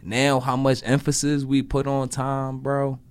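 A man in his thirties in a casual, slangy chat, musing at a relaxed pace as a podcast co-host. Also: mid-range voice, a little slow, smooth. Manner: laid-back, slangy, musing.

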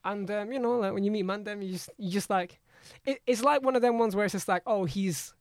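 A man's voice: high-pitched, fast, dry recording, clean studio sound. A man with an urban London roadman accent, telling stories casually in slang as a podcast guest and repeating his phrases. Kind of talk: casual conversational storytelling.

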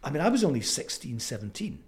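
A man's voice: medium pitch, sing-song, a little mellow. Older Scottish man with a Fife accent. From Fife, Scotland. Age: 70s. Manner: halting, thoughtful, with frequent pauses. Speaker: interview guest. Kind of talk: reflective conversational storytelling.

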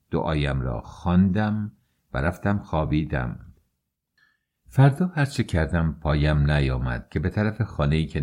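A man reading an audiobook, narrating in a measured way that slows on sad passages. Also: sits low, darkish tone. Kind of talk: scripted narration.

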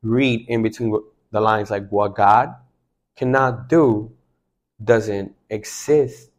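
A man in his twenties from Mexico, talking excitedly about faith in a casual chat, emphatic and full of slang fillers. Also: on the low side, slow pace. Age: 20s.

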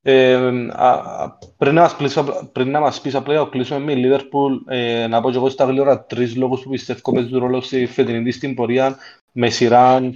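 A man's voice: medium pitch, level tone, a little mellow. A man with a Cypriot Greek accent in a casual football discussion, explaining his points and feeling for his words. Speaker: football podcast panellist. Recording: dull lo-fi audio.

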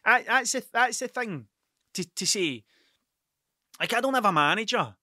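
A man's voice: high voice, animated, moderate pace, sharp tone, dry recording, clean studio sound. A tired man rambling through a solo podcast, swearing often and stuttering over his words. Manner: sweary, stuttering, restarts sentences. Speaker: podcast host and mural painter.

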